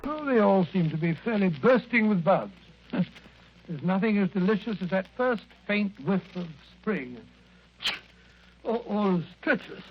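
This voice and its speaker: An actor playing a genial, sentimental elderly English doctor in a 1940s radio drama, stammering and fussy in a British accent. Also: male voice, high voice, lively intonation, a little slow. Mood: genial, bashful. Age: older. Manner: bumbling, stammering, chuckling, fussy. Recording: noisy, dull old 1940s radio broadcast.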